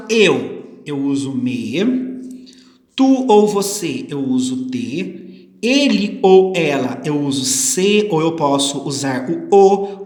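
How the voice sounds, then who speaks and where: A man teaching a grammar lesson, explaining patiently and checking in with the class with frequent short questions. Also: fairly high pitch. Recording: echoey room with long reverb.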